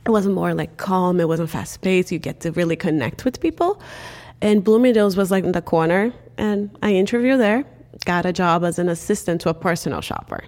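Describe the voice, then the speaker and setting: Telling her story as a guest in a casual interview, a woman from Cape Verde, first language Cape Verdean Creole, speaks with animation and lots of "like." Her voice is fairly low and her delivery brisk.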